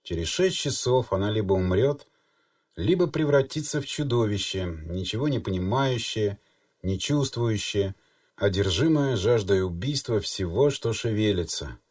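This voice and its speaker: A man reading an audiobook in measured, even storytelling narration. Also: lowish voice, dry recording, studio quality, distant mic. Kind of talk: scripted narration.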